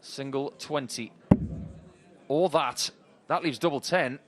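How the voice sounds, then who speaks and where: A man's voice: medium pitch, slow. A man giving chatty live commentary on a darts match. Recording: loud crowd behind commentary. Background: darts crowd.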